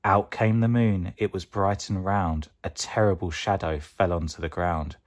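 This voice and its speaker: A man with a low-pitched voice narrates a children's story in rhyme. He reads expressively, as a storyteller for young listeners. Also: fairly even intonation, unhurried.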